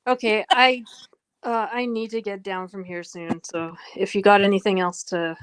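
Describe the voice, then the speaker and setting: A woman's voice: mid-range voice, fairly even intonation, normal speed, clear, resonant tone, rough recording. A woman on an online voice chat panel, speaking hesitantly with many fillers. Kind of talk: casual panel talk.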